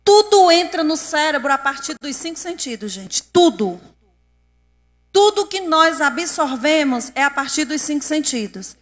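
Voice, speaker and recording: A woman's voice: sits high, animated, unhurried. A woman giving a lecture to an audience in a council chamber, often asking the audience questions. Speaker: speaker at a public event. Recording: long hall reverb.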